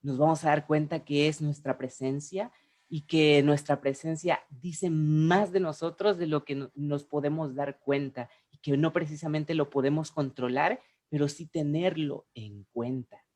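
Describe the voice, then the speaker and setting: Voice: mid-range voice, a little slow, darkish tone. A co-host of a webinar on the speaking voice, talking reflectively, searching for words and correcting itself along the way, over a video call.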